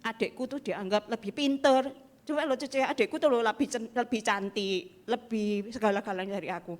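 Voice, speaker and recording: A woman pastor, preaching a sermon in a lively storytelling way and acting out the people in her stories. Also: on the high side, fairly quick. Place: church.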